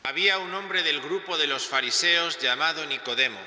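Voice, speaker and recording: Bright-voiced priest, cathedral echo. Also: male voice, fairly high pitch, normal speed. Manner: calm, explanatory preaching. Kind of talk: gospel reading and homily. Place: large church. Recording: echoey church with long reverb.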